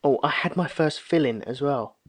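Telling stories in a relaxed chat, a thirty-something man performs the lines he quotes from others. He speaks at a moderate pace in a voice on the high side.

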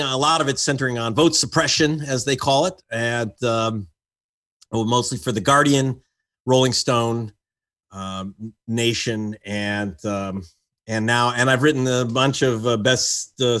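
A man's voice: medium pitch, fairly bright tone. A man who is an investigative reporter, introducing himself as a guest on a panel in a self-assured way with hesitant fillers. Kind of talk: casual panel talk.

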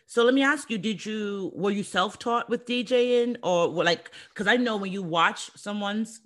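A woman from the Bronx hosting a casual interview, animated and chatty. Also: mid-range voice, normal speed. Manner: animated, chatty, says y'all and dope. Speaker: host.

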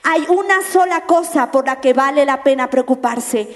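A woman preacher voicing Jesus as a gentle, kind man speaking tenderly and slowly. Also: sits high, long reverb tail.

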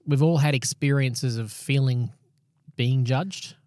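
A man's voice: mid-range voice, slow, darkish tone, dry recording. A man with a mid-range voice hosts a podcast as a pastor. He chats casually, affirming his partner and explaining his points. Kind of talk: casual conversational podcast chat.

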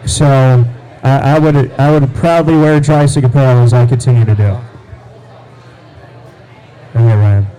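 A man's voice: medium pitch, steady tone, a little slow, long pauses, warm tone, clean tone, poor audio. An American man hosting a live sports show, bantering and announcing emphatically in casual talk.

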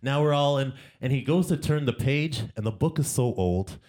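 Man, casual storyteller, animated, laughs often, medium pitch. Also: normal speed. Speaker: guest artist.

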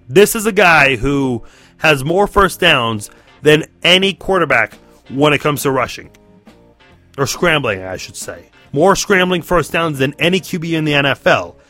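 An American man hosts a sports podcast in a rough, strained, hoarse voice. It sits a little high and has a bright, forceful edge as he breaks down football matchups. Music plays behind him. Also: dry recording. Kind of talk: solo football analysis commentary.

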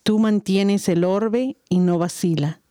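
A woman reciting a psalm slowly and solemnly. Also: medium pitch, dark tone, no echo, studio quality. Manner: slow and solemn. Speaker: psalm reader.

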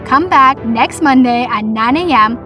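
A woman's voice: sits high, expressive, measured pace, pushed and bright, faint music behind. A woman with a Boston accent hosting her own podcast, chatting in a bubbly, rambling way. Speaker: podcast host. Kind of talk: casual solo podcast chat.

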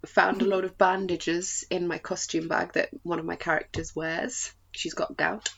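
A woman's voice: on the low side, little pitch movement, normal speed, gravelly, a bit bright, husky. A woman talking as a podcast guest in a casual chat. She laughs often and jokes about herself. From northern England. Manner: giggly, self-mocking, laughs often. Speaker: guest, burlesque performer. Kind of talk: casual video-call chat. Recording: slightly dull lo-fi audio with faint noise.

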